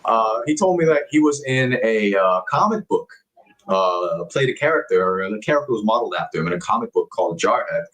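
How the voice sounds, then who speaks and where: Rough recording of a guest actor on a laid-back talk show: his voice is on the low side, fairly bright and quick, with lively intonation. He chats hesitantly, with fillers and restarts, poking fun at himself and laughing as he tells stories.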